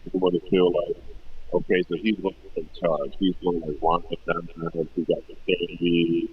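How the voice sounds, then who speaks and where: A man talking casually on an online call whose audio keeps breaking up. He speaks haltingly, with many fillers. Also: low-pitched, flat delivery, slightly rough. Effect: choppy online call audio, breaking up. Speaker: panelist. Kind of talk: casual panel chat. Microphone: video call. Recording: muffled distant call audio with faint hiss.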